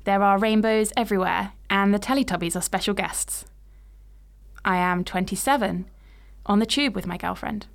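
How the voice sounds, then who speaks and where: In a clear, smooth voice pitched in the middle range, a podcast host in her late twenties reads out her own present-tense story. Her delivery is unhurried and reflective.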